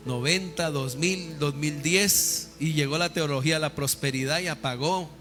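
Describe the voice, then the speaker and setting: A male pastor preaching a sermon with call-and-response questions, building to loud fervent peaks. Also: fairly high pitch, normal speed. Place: church sanctuary. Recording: reverberant church hall with faint music.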